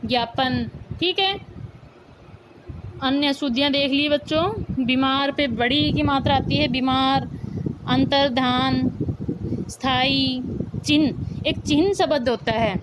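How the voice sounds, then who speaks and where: A woman teacher giving a school grammar lesson, saying each word slowly and repeating it for her pupils. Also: high-pitched, noisy background. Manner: slow, repeats words for pupils.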